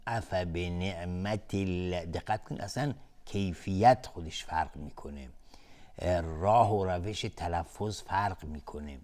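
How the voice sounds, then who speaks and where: A man teaching Quran recitation in a televised lesson, explaining patiently step by step and slowly drawing out recited examples. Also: deep voice, a little mellow.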